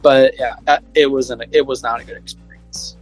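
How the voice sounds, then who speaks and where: Flat-toned young man, earnest. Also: medium pitch, moderate pace, faint music behind, rough recording. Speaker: college student interviewee. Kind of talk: casual interview answer.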